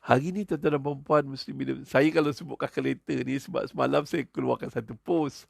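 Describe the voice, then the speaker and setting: Gravelly, joking preacher. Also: male voice, mid-range voice, fairly quick, dry recording, studio quality. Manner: joking, chuckles often, animated asides. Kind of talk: humorous religious talk.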